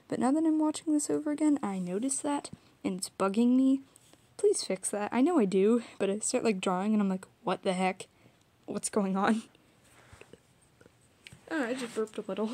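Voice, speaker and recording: Giggly, rambling young woman, mellow tone. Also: a little high, dry recording. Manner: rambling, giggly, self-deprecating. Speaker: art vlogger. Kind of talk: casual voiceover commentary. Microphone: small audio recorder, drifts off mic.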